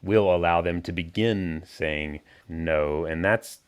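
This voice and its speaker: A man hosting a podcast in a relaxed, rambling way, full of fillers. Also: deep voice, slow pace, clear, resonant tone. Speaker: podcast host. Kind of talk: casual podcast conversation.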